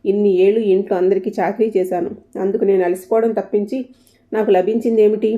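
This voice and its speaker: A woman's voice: medium pitch, fairly even intonation, fast, natural voice. A woman voicing a blunt, weary middle-aged mother in a storybook reading, with a curt, reproachful manner. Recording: dull lo-fi recording.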